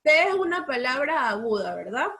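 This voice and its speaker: A woman teacher leading an online class, explaining rules patiently and repeating words slowly for her students. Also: sits high, big pitch swings, sharp tone.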